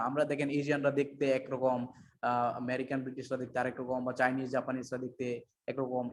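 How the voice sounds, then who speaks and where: A man giving an unscripted English pronunciation lesson, mixing two languages, pausing often with fillers and correcting himself. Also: mid-range voice, darkish tone, a little hiss or hum. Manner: hesitant, many fillers and self-corrections. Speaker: English teacher.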